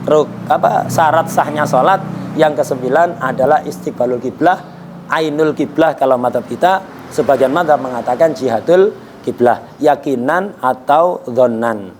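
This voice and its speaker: A man teaching a religious law lesson. His voice sits a little high, and he talks casually, asking himself questions and cracking jokes. Faint noise hums behind him. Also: moderate pace. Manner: conversational, rhetorical questions, jokes. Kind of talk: Islamic jurisprudence lesson.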